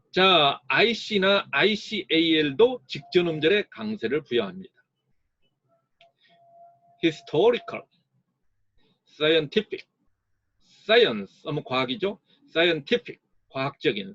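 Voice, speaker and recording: A man giving a recorded lecture as an English teacher, explaining slowly and sounding out words to model their stress. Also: a little high, fairly bright tone, husky, dry recording, lo-fi sound.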